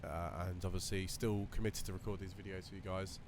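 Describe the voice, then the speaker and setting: Over loud simulator cockpit noise, with a steady engine drone clearly behind him, a flight sim video creator runs through his checklist. His lowish, slightly croaky voice moves a little fast as he thinks aloud casually, filling pauses with ums and uhs.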